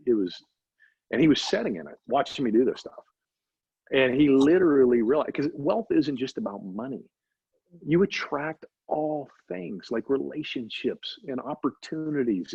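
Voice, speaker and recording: Husky-voiced man telling stories. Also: medium pitch, dry recording. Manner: animated, faith-driven storytelling with frequent "right?". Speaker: interview guest. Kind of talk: casual storytelling interview. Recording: dry, slightly dull recording.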